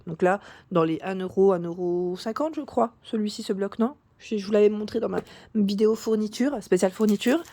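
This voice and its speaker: A woman vlogger chatting casually through a shopping haul, full of fillers and restarts, her voice cracking and hoarse at times. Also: medium pitch, a little mellow, no room sound. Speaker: YouTube vlogger.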